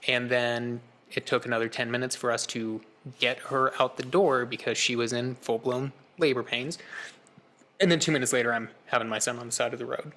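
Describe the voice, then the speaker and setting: A podcast co-host in his thirties, this man has a bright, forward voice with a steady middle pitch. He tells his story in a lively, casual chat and keeps tossing in quick asides.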